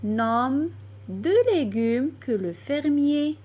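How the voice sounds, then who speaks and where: A woman teacher with a Moroccan accent slowly reading and sounding out syllables for young children. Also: high voice, expressive, warm tone, breathy edge. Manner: pronounces syllables slowly and distinctly, spelling out letters. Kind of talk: slow, deliberate reading lesson for children.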